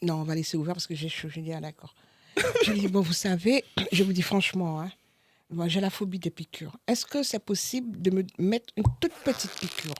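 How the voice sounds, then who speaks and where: A middle-aged woman telling a funny story to her son in a casual family chat, dramatic and lively, acting out other people's lines. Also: lowish voice, a little fast, a little hiss or hum. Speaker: mother of the host, guest.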